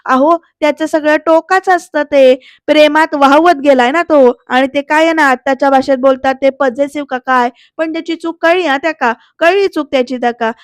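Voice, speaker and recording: A woman's voice: high-pitched, fairly quick, dry recording, clean studio sound, lightly acted. A woman voicing a bossy, theatrical middle-aged father who scolds his son, in a serial recap. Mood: scolding. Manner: scolding, sharp rebukes.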